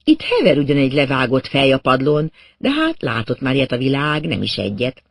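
Husky, expressive male storyteller. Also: medium pitch, no room sound, clean studio sound. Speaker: narrator. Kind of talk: audiobook reading of a crime novel.

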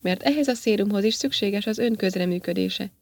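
A woman's voice: medium pitch, vocal fry, a little mellow. A woman voicing a smug, scheming male professor who lectures in a self-satisfied way, read in an audiobook. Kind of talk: audiobook character reading.

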